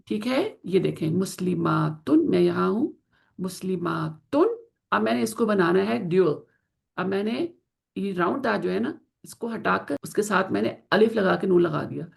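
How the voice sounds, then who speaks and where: Gravelly woman teaching Arabic grammar. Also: medium pitch, lively intonation. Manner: slow drawn-out pronunciation of Arabic example words, asks students to confirm. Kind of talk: online class lesson in Urdu with English words.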